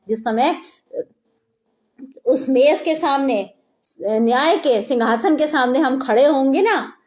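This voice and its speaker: A woman's voice: high voice, a little mellow. A middle-aged woman preacher giving an earnest sermon, repeating key phrases for emphasis.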